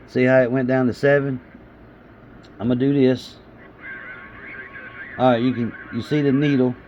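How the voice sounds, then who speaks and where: Talking casually to camera, this Southern US man, a video host and CB radio enthusiast, speaks in a hesitant, folksy way and keeps circling back to the same points. He has a medium pitch with little movement at a normal pace, muffled and backed by audible radio noise.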